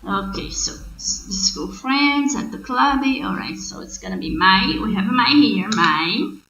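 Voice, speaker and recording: Over music, a woman with a medium-pitched, gravelly voice teaches English in an expressive, unhurried way, going through sentences one word at a time. She is a native Portuguese speaker with a Brazilian accent, giving a bilingual online grammar lesson. The sound is roomy, muffled and lo-fi with faint noise.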